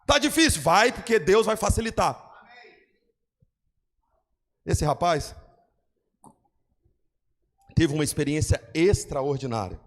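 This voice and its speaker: A man preaching a sermon as pastor, building fervently into shouts. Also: a little high, slow, pauses often.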